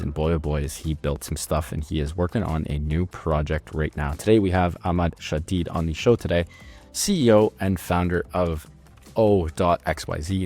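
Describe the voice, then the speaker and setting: A man hosting a podcast interview from Canada, talking in a hyped, slangy, energetic way. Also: deep voice. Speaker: podcast host.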